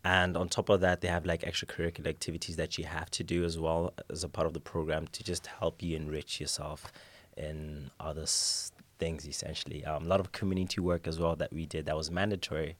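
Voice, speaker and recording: A young man whose first language is English answers interview questions as a guest, relaxed and easygoing with plenty of ums and restarts. His voice is low, recorded on a studio mic at a table with no room sound.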